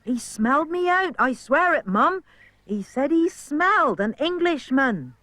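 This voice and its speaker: Man doing a young boy, eager, breathless, high pitched, storybook. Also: very animated, a little slow, bright, forceful tone, no echo, clean studio sound, exaggerated voice.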